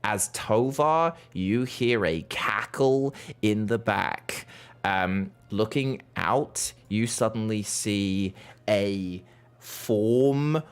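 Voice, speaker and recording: A woman's voice: a bass voice, extremely slow, clean tone. A woman running and narrating a tabletop role-playing game as game master.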